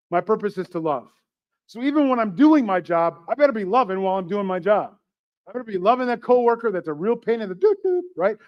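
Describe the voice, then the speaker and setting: Male pastor, high-pitched, joking with the congregation mid-sermon; dull, lo-fi church livestream sound. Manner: joking, conversational, asks questions to the congregation.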